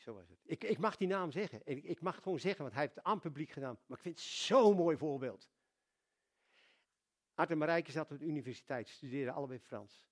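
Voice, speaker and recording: A man preaching a sermon, telling stories with sudden swings in loudness and frequent repetitions. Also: mid-range voice.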